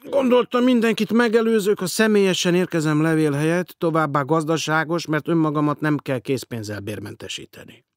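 A man voicing a dry, sarcastic, demanding gray-haired man in an audiobook, with a gravelly voice. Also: a little high, expressive, few pauses, no room sound, pitched above the performer's own voice. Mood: sardonic. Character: sardonic gray-haired man claiming to be dead. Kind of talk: audiobook character voice.

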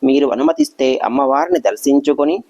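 A man's voice: high voice, very animated, brisk, vocal fry, warm tone, slightly rough, lo-fi sound, voice pushed up, heavily acted. A man voicing a grateful, humble devout woman speaking respectfully to a sage.

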